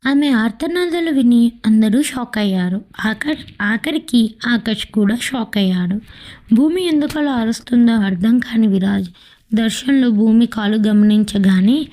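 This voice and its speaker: A woman narrating a dramatic audiobook story in a steady, emotive reading. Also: on the high side.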